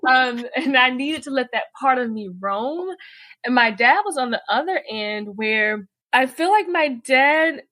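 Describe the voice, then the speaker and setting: A woman guest in a candid podcast interview, talkative and expressive, often laughing as she tells stories about herself. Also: sits high, unhurried, dry recording.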